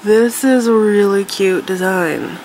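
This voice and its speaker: Slow and a little mellow, this medium-pitched woman sounds congested and nasal from allergies as she eagerly walks through her craft supplies. She chats casually with fillers and restarts at an indoor tabletop, an overhead camera trained on her hands for this show-and-tell. Slight background noise is present.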